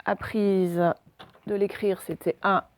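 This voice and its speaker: A woman teaching a recorded phonics lesson to young pupils, slowly and carefully pronouncing example words. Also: mid-range voice, level tone. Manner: slow, carefully articulated words for dictation. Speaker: primary school teacher.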